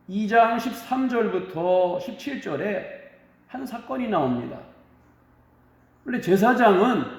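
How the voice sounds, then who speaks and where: A man pastor preaching a sermon, telling stories earnestly with dramatic pauses, heard in an echoey room. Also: high-pitched.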